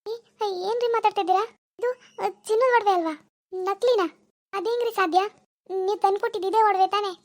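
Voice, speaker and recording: A woman voicing a flustered young village wife in a cartoon, pleading her innocence in a very high, quick voice. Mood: pleading confused. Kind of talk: cartoon voice acting.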